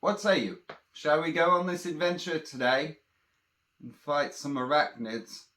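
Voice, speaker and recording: An author reads his own fantasy adventure tale in a dramatic, theatrical style, speaking directly to his listeners. His voice is on the high side with a sharp tone, and he goes a little slowly. The recording has a roomy echo.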